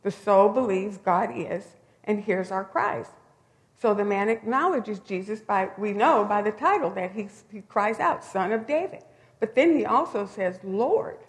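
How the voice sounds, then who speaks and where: A woman's voice: medium pitch, unhurried. A woman preaching a sermon in a conversational, storytelling way, with emphatic rises. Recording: long hall reverb.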